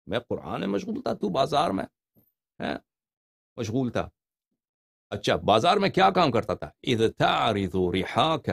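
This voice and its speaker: Male preacher, gravelly and animated, conversational sermon style. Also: mid-range voice. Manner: explains Arabic hadith in Urdu, animated, rhetorical questions. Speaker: religious preacher. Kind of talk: informal religious lecture.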